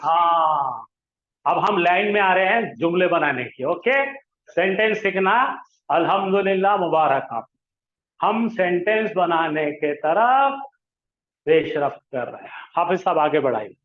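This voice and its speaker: A man's voice: high-pitched, expressive, a little slow, slight background noise. A male teacher, leading a classroom lesson and coaxing students to repeat words aloud. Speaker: Arabic grammar teacher. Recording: roomy, dull lo-fi sound.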